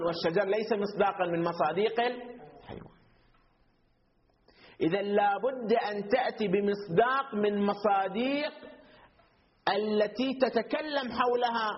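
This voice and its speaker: A man's voice: high-pitched, highs cut off. A man teaching a logic class, explaining step by step and putting questions to the students before answering them himself. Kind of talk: classroom lecture.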